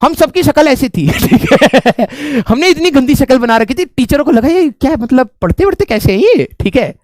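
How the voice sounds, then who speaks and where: High-pitched man telling a funny story. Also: normal speed, dry recording, studio quality. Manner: animated, laughs often, repeats "theek hai" as a filler. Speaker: teacher telling a story to students. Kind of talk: humorous classroom storytelling.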